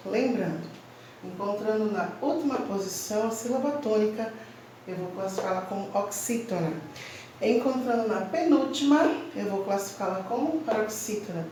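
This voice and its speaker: A woman teacher walks young pupils through a grammar lesson, speaking slowly and leaning hard on each stressed syllable. Her voice sits some way from the mic in a strongly echoing room, with a faint hum of ambience behind it. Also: mid-range voice, expressive, warm tone, far from the mic. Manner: slow, clear, emphatic teacherly delivery, stressing syllables. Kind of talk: online Portuguese grammar lesson for children.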